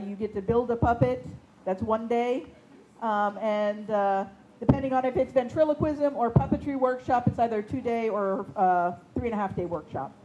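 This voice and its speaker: Brief: high-pitched woman, chatty workshop teacher, faint noise behind. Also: mellow, highs cut off. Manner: chatty, many fillers, laughs easily. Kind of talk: casual workshop talk. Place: indoor seminary classroom.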